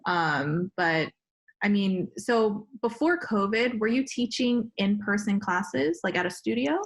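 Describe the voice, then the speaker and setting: A woman's voice: mid-range voice, unhurried. Gushing young woman podcast host. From California. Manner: enthusiastic, gushing, filler-heavy. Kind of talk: casual interview chat.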